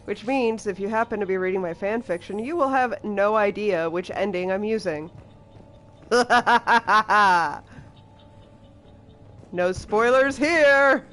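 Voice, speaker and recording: A young woman talks casually over her game, reacting out loud and laughing often. Her pitch sits in the middle, and she chats freely with viewers. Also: a little fast, hardly any pauses, soft background music. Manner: chatty, laughs often, reacts loudly to gameplay. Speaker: streamer. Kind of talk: casual live game commentary.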